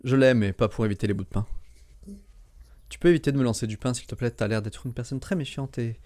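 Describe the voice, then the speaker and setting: Man acting flustered friendly young superhero, mid-pitched. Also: fast talker, darkish tone, no echo, studio quality, natural voice. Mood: bewildered, earnest. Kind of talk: amateur film dubbing.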